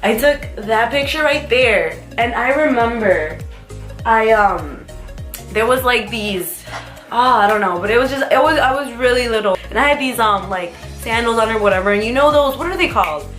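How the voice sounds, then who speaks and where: Faint music plays behind a young woman from the United States as she works through a vlog tag video at normal speed. Her voice is a little high with a fairly bright tone, and she answers questions in a rambling, giggly, casual way.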